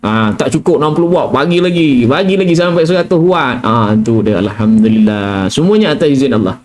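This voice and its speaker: A Quran recitation teacher, middle-aged and Malaysian Malay-accented, speaks at medium pitch in an expressive, fairly quick, darkish voice. It's a casual live tajwid lesson: he chats along using "kan?" and "ah," occasionally whispering letter sounds or chanting them in recitation.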